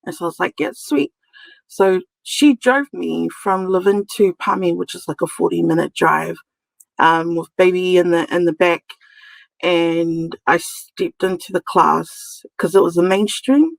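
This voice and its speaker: A woman's voice: on the low side, steady tone, normal speed, vocal fry, no room sound, low-quality recording. A middle-aged woman with a Samoan New Zealand accent, chatting informally and giggly as she tells her story as an interview guest. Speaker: podcast guest, community nurse. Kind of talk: casual conversational storytelling.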